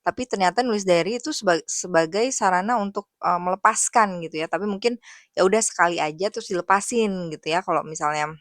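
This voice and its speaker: A young adult woman, an English teacher, sharing thoughts in a casual, reflective monologue, soft-spoken and hesitant with many fillers. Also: lowish voice, quick pace, dry recording, studio quality.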